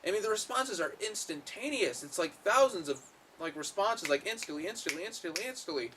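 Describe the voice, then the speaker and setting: A man's voice: high-pitched, animated, normal speed, noisy background. A man giving a casual, rambling film review, full of fillers and blunt swearing. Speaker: movie reviewer.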